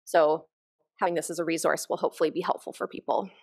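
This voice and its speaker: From a lectern on a conference hall stage, a woman researcher gives a keynote presentation, explaining her work enthusiastically and informally. Her voice sits low and a little mellow, with a level tone and quick pace.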